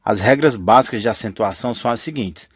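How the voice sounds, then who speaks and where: A man's voice: on the low side, fast talker, breathy edge, dry recording, studio quality. A man teaching a grammar lesson in a patient, methodical way, restating each rule and checking in with the listener. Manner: patient, methodical, repeats key rules.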